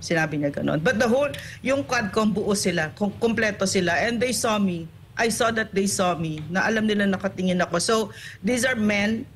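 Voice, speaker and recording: A woman's voice: medium pitch, moderate pace, slight background noise. A woman political commentator in an online interview, talking indignantly and firing off rhetorical tag questions.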